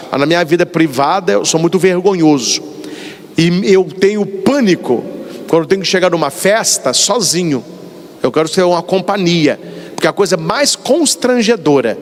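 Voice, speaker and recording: High, lively Brazilian priest preaching. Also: male voice. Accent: Brazilian Portuguese. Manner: animated storyteller, acts out dialogues. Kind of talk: sermon. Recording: long hall reverb.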